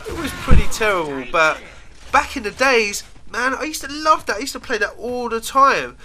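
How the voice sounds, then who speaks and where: A man's voice: very high-pitched, expressive, moderate pace, noisy background. A British man with a congested, nasal voice, as if his nose is pinched by a cold, chatting casually and slangily as he rambles over gameplay. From United Kingdom. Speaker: gaming video host.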